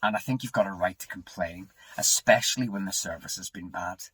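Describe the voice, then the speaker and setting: British guy in his 40s, lowish voice bit husky, casual grumbly rambling vlog chat. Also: a little fast, fairly bright tone, no echo. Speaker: car owner making a review video. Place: echoey indoor space.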